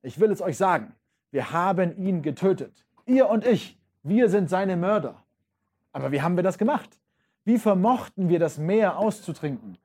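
A man's voice: sits high, animated, moderate pace, darkish tone, slightly rough. A man reading as a frantic madman. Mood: impassioned. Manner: impassioned rhetorical questions. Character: frantic male madman proclaiming God's death.

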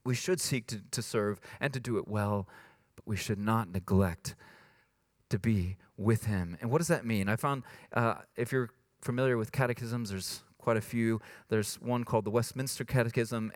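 A man giving a sermon. He drops low and hushed, then rises to high emphatic lines, and puts on a whiny voice to quote complaints. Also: no echo, studio quality. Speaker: pastor.

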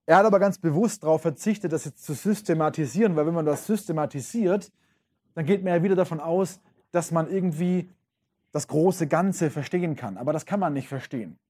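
A man's voice: on the high side, fairly quick, mellow. A man giving an informal lecture, talking casually to his listeners with many fillers.

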